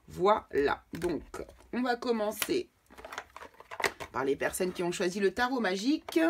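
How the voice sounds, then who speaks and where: A woman from France doing a casual tarot reading for viewers, often hesitant and repeating her words. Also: mid-range voice. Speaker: tarot card reader.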